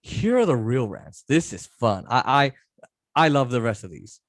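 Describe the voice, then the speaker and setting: A man's voice: mid-range voice, very animated, moderate pace, no echo, studio quality. A man hosting a podcast, chatting casually and with amusement as he reacts to clips. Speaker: podcast host.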